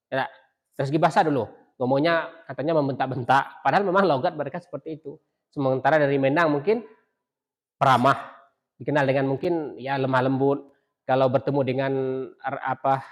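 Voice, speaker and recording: A middle-aged man teaching a class, asking rhetorical questions and pausing on fillers and restarts. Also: medium pitch. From Indonesia. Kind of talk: classroom lecture.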